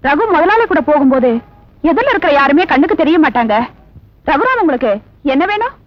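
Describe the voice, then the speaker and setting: An actress playing a teasing, playful office telephone operator. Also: female voice, high-pitched, sing-song, a little fast. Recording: dull old film soundtrack with music.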